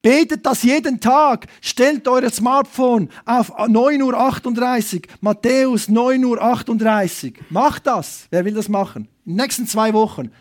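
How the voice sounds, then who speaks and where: Male evangelist, high voice, emphatic sermon, direct questions to the crowd, loud appeals and quiet asides. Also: measured pace, few pauses. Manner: asks the audience questions directly. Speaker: evangelist preacher. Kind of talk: lively sermon to a congregation.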